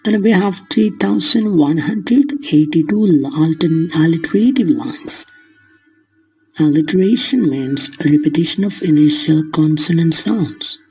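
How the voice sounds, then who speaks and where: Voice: medium pitch, animated, measured pace, warm tone, slightly rough, faint music behind, low-quality recording. A lecturer explaining literature in the manner of a lesson, glossing terms in simple words along the way.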